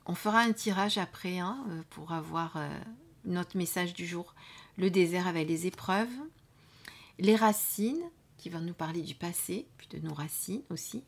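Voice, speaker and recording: Soft-spoken woman reviewing oracle cards. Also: on the low side. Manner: soft-spoken, often trailing off into near whispers; unhurried, with frequent "hein" and "euh" fillers. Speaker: card reading channel host. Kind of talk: casual product review. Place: indoors at home under studio lights.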